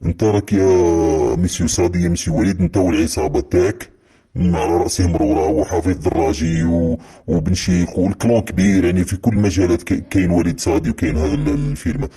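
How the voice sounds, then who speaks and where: A man with an Algerian accent delivering a heated, accusatory monologue as a football commentator, repeating his points forcefully. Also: low-pitched, fast talker, husky. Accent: Algerian Arabic. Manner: heated, accusatory, repetitive rant. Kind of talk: impassioned monologue.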